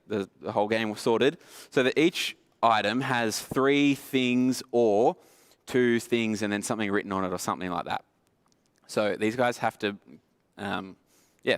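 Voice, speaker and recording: A man's voice: lowish voice, clear, resonant tone, no room sound. A young man hosting a game at a youth group, explaining the rules playfully and laughing often.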